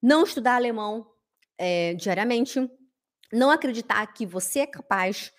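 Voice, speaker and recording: A young adult woman giving a casual online German lesson, emphatic and animated, drilling pronunciation. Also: on the high side, normal speed. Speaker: German teacher.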